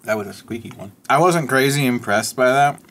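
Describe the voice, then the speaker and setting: A man co-hosting a casual taste-test show, tossing out quick jokes and wisecracks. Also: mid-range voice, a bit bright, a little hiss or hum. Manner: jokey, quick quips and wisecracks.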